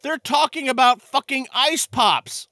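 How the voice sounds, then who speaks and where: A man's voice: extremely high pitch, a little slow, sharp tone, dry recording, studio quality. A man doing crude, sarcastic, exasperated video game commentary, swearing heavily as he rants. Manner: crude, profanity-laden, exasperated ranting. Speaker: game streamer, let's play host. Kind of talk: ranting game commentary with mocking voices.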